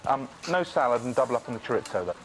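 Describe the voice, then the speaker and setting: A man's voice: mid-range voice, animated, rapid-fire, a little hiss or hum, lightly acted, poor audio. An actor playing an awkward male doctor in a TV soap who fumbles his words and fixates on food. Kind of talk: TV soap acting.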